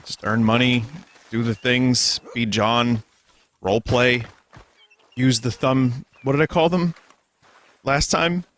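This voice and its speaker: A man's voice: mid-range voice, steady tone, slow, long pauses, a bit bright. Joking, profane male streamer. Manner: joking, profane, mock voices. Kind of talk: casual gameplay commentary.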